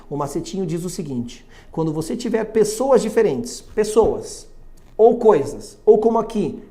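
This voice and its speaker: A man with a Brazilian Portuguese accent teaching an English lesson, lively and often checking in with quick tag questions. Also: sits high. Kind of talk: classroom-style video lesson.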